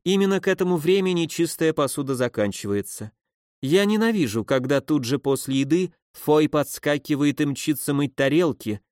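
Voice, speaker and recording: A man's voice: fairly high pitch, lively intonation, moderate pace, dry recording, close to an everyday voice. Sneering old drunk lady, a guy putting her on, mocking and bossy, dry close sound. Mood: sardonic. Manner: sneering, scolding, loudly theatrical.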